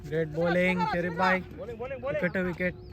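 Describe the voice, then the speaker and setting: A man with a slightly high voice calls amateur cricket in Telangana Telugu, dropping in English cricket terms. His commentary comes in short, exclamatory bursts. Crowd noise from the outdoor ground runs behind him. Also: level tone, fairly quick. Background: crowd and outdoor sounds.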